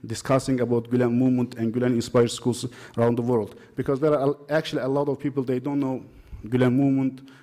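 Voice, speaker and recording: Mellow-voiced Kurdish-accented man presenting. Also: medium pitch, level tone. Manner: halting, non-native English phrasing. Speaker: academic conference presenter. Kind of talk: informal conference presentation with personal anecdotes.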